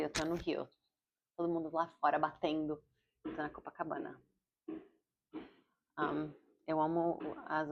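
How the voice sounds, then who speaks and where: A Brazilian-born woman in her forties with an American-accented Portuguese, talking fast and rambling with self-corrections in a casual video diary. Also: low voice, a little mellow. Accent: Portuguese with an American English accent. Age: 40s. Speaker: vlogger and comedian. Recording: slightly dull lo-fi audio.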